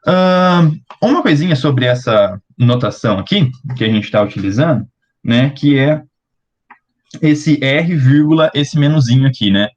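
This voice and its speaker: Slow Brazilian man explaining step by step. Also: medium pitch, animated, muffled recording. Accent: Brazilian Portuguese. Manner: slow, step-by-step, with many fillers and check-ins. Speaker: teaching assistant. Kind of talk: explaining exercises at a board.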